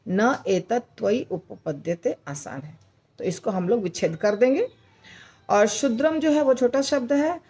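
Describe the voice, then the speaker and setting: A woman with a mid-pitched voice gives a recitation lesson at a very unhurried pace. She speaks patiently, splitting long words apart and saying them again slowly so students can follow. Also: a little mellow, slightly rough. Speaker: Sanskrit pronunciation teacher. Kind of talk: slow explanatory class on verse recitation.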